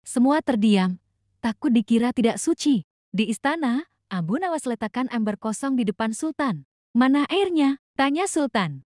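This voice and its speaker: A woman narrating a children's folk tale in a scripted storytelling style, expressive and animated. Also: on the high side, moderate pace, no echo, clean studio sound.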